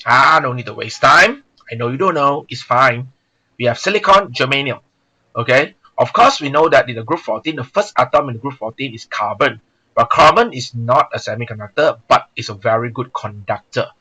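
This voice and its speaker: A man's voice: mid-range voice, moderate pace, pushed and bright, breathy edge, poor audio. A man with a Malaysian accent teaching a physics lesson, switching languages often and filling his explanations with casual okays. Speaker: physics tutor.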